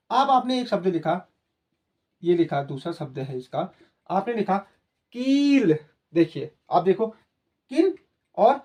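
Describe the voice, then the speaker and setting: A male teacher explains a grammar lesson at a slow, unhurried pace. He repeats each point patiently and keeps turning to his listeners to check they follow. The delivery is plain and classroom-like. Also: sits high, a little mellow. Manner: patient, repetitive, addresses listeners directly. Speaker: Hindi teacher.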